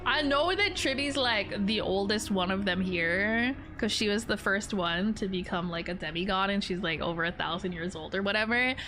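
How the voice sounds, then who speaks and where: A woman's voice: mid-range voice, moderate pace, hardly any pauses, sharp tone, a little hiss or hum. A woman streamer giving casual, rambling reaction commentary on a video game, jokey and informal. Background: game music.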